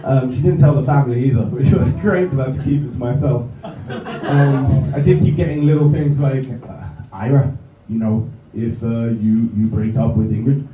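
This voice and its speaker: Recorded far off in a comedy club, this young English comedian delivers dry jokes at his own expense in a steady, mid-range voice, talking at normal speed with few pauses. The club recording is roomy, distant and a bit dull, with slight background noise and the audience laughing.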